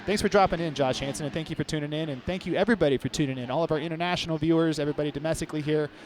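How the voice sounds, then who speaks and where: A man hosting live race commentary, talking quickly in a chatty, upbeat way from an outdoor stadium. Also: on the high side, a little hiss or hum. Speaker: host.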